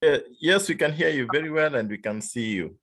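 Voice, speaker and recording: A man's voice: a little high, animated, a little fast, fairly bright tone. A man hosting an online event over a video call, who thanks his speakers and repeats words with many fillers. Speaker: host.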